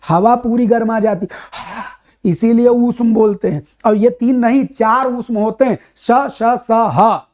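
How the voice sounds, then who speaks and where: High-voiced male Hindi grammar teacher. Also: a little mellow. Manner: repeats and demonstrates sounds slowly; chatty, addresses students as brother. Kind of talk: classroom lesson for competitive exams.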